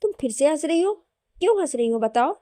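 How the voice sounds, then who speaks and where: A woman's voice: fairly high pitch, moderate pace, dark tone, no echo, studio quality, close to an everyday voice. A woman voicing an arrogant, angry young husband who talks curtly and bossily. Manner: curt, irritable, bossy.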